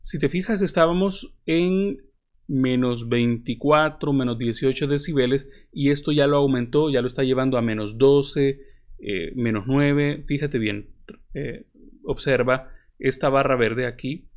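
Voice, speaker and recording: A man's voice: medium pitch, a little slow. A man teaching podcast editing, talking patiently with frequent hesitant fillers like "eh". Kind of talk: explanatory tutorial. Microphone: studio podcast microphone.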